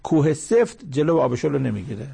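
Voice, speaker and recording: A man's voice: a little high, big pitch swings, gravelly, dark tone, breathy edge. An older man preaching a sermon, telling stories and repeating phrases in a rhythmic way. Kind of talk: sermon with storytelling.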